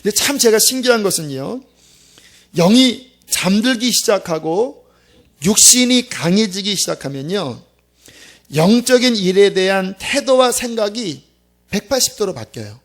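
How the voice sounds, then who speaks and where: A man preaching a Friday sermon to his church, with a fairly high voice. He talks to the congregation like a friend, with sudden loud bursts and quiet, almost whispered asides. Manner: animated, conversational preaching with quick swings from loud to hushed. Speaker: pastor. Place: church sanctuary.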